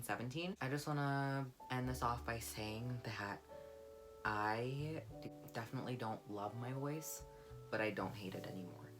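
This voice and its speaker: With guitar music underneath, a young woman vlogs about personal matters in a candid, reflective, soft-spoken way. Her voice is deep and low, warm and comforting.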